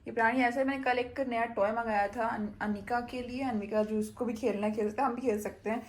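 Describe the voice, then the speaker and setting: Chatty Indian mom vlogging at home. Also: female voice, on the high side, fairly even intonation, a little fast. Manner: chatty, mixes English words into Hindi, many fillers. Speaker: mother vlogger. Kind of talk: casual home vlog chat. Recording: echoey room, mic somewhat far.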